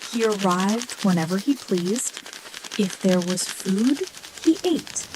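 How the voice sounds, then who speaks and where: A woman narrates a bedtime story in a slow, measured whisper, in an ASMR style. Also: medium pitch, animated, background noise.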